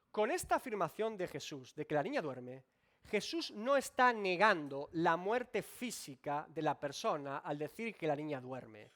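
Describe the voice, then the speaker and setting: Guy preaching in church, high voice, big swoops up and down, talks right at the crowd. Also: fairly bright tone. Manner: emphatic preaching with sweeping rises and drops; addresses the congregation directly. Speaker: pastor. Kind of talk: expository sermon.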